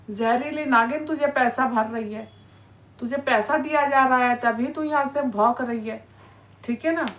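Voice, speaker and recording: A woman's voice: high-pitched, fairly bright tone. A woman hosting a reaction video, ranting angrily and scolding her target, with frequent "है ना" tags. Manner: scolding, insulting, repeated "है ना" tags. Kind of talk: angry reaction rant.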